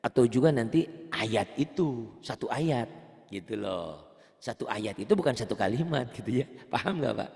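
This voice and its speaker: A man's voice: medium pitch, expressive, normal speed, vocal fry, a little mellow, big-room sound. A man teaching Quran recitation rules one-on-one, patiently repeating points and quizzing his student. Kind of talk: one-on-one tajwid lesson.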